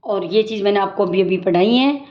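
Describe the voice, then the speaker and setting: A woman teacher giving a brisk exam-prep recap lecture, explaining points with everyday examples. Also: mid-range voice. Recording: dull lo-fi audio.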